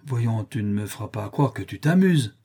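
A man's voice: fairly low pitch, lively intonation, moderate pace, breathy edge. A man voicing an eager young boy who pretends to be a steamboat, calling out commands and bell sounds in an audiobook reading. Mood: teasing, pleading. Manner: shouted commands and bell noises.

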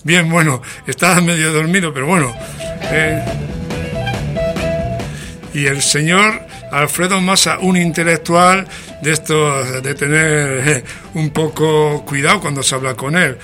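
A man with a Spanish accent from Spain hosts a radio show, chatty, jokey and theatrical, full of exclamations. His voice is fairly high and steady at a measured pace, with music playing behind him.

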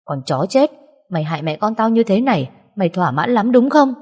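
A woman's voice: mid-range voice, sing-song, brisk, a little mellow, husky, pitched above the performer's own voice. A woman voicing a spiteful young woman who sneers and cackles, in a storybook reading with long hall reverb. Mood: hateful mocking.

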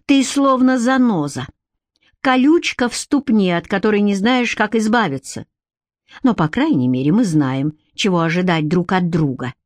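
Here a woman at medium pitch and moderate pace, sounding animated and close to her everyday voice, performs a Viking warrior's cold, cynical commands to a captive. Her delivery is curt and coolly authoritative, with no room sound in the recording.

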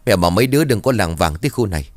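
A worried, scolding village mother speaks in hurried bursts, with a man putting her on. The voice stays low and close, with a dry sound. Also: expressive, no room sound, close to an everyday voice.

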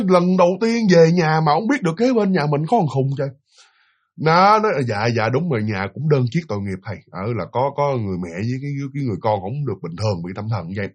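Man, ghost story narration, husky, lively pitch swings. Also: dull audio. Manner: animated, chatty, addresses listeners directly.

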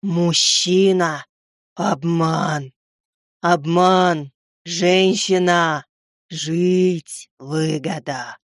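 A man putting on a slow, halting demon voice that speaks in broken single words. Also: fairly high pitch, no echo, clean studio sound, voice pushed up. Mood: eerie.

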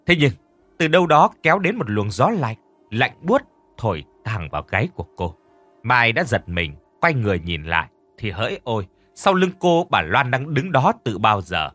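A man narrating a scripted horror story with dramatic, expressive delivery. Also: mid-range voice, normal speed, no room sound. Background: faint music.

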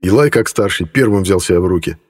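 Male audiobook narrator, low and even, reverberant sound. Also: fast, slightly rough. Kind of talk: scripted narration. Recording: long hall reverb.

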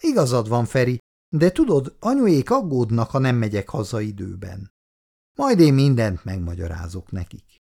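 A man reading a story aloud, voicing an eager, cheerful young woman in raised girlish tones. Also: creaky. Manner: excited, high-pitched girlish lines. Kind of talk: read-aloud story dialogue.

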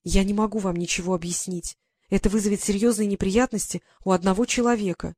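A woman's voice: medium pitch, fairly even intonation, fast talker, a little mellow, no echo, clean studio sound, lightly acted. A reader doing frightened naive young lady. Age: young adult. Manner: pleading, tearful.

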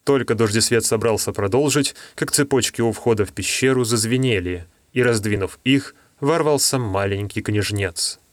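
A man's voice: fairly low pitch, no room sound. Male audiobook narrator, dry close sound. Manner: measured storytelling.

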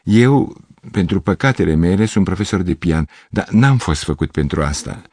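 A man's voice: low-pitched, lively intonation, a little mellow, dry recording. A man voicing a fussy, flustered middle-aged male piano teacher who rambles and over-explains. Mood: fretful.

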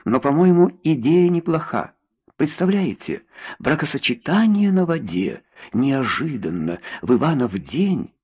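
A man playing a glib, flattering young nobleman. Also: medium pitch, measured pace, husky, full character voice. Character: charming, ardent young nobleman.

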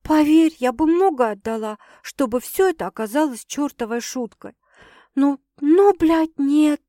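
A woman's voice: high voice, animated, moderate pace, a little mellow, no echo, studio quality, voice pushed up. A woman reading an audiobook voices Sasha, a rattled young woman, with exasperated, sardonic and swearing retorts.

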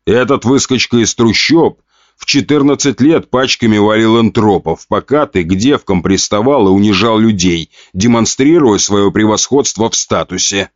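A harsh, scornful noble father with a low, commanding voice, as a male narrator puts him on. The sound is dull and dry. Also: moderate pace, dry recording, lightly acted. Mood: mocking. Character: stern powerful male duke, a father scolding his son.

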